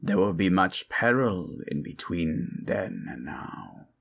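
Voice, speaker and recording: In a fantasy ASMR roleplay, a man voices a grave sorcerer, a dark figure turned to good, speaking very low and slow with a husky rasp. The delivery is solemn, commanding, animated and exaggerated.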